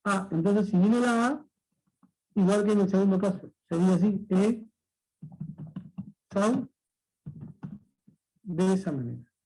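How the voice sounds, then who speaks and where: Husky high-voiced male teacher. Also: brisk, a little mellow, low-quality recording. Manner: patient, repetitive, checks understanding often. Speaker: language teacher. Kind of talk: exam-prep lesson.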